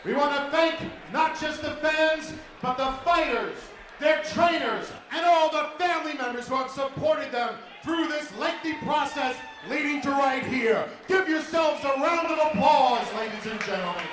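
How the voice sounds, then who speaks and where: A man working as a ring announcer, calling out fighters with a booming, drawn-out delivery in an arena. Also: fairly bright tone. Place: arena with crowd. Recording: echoey arena with music and crowd.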